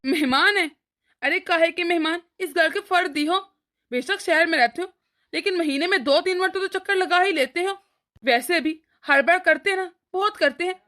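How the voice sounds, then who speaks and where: Woman voicing a cartoon man who is cranky and preachy, pitched high and bright. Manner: annoyed, lecturing. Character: irritable elder brother, adult man, short-tempered.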